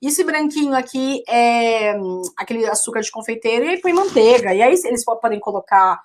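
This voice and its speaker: A woman's voice: fairly high pitch, lively intonation, a little fast, a little hiss or hum. A young woman with a Brazilian Portuguese accent teaching English vocabulary in a chatty live online class, repeating words for her students and answering the chat.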